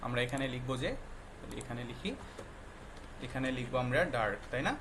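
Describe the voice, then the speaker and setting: A man's voice: medium pitch, moderate pace, fairly bright tone, slight background noise. A male teacher patiently explaining a lesson to young children, quizzing them often and mixing English words into his explanations. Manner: patient, quizzing with frequent questions.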